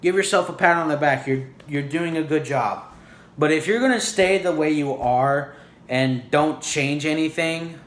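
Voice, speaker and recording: A man's voice: a little high, normal speed, reverberant. A man vlogging in a casual, rambling monologue, full of "you know" and "like".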